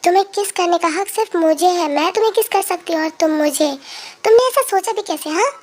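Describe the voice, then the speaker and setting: A woman's voice: extremely high pitch, darkish tone. A young woman voicing a hot-tempered but tender young woman mafia boss who dotes on her partner. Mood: possessive. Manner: doting, quick to scold then apologize. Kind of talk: fan-fiction story voice acting.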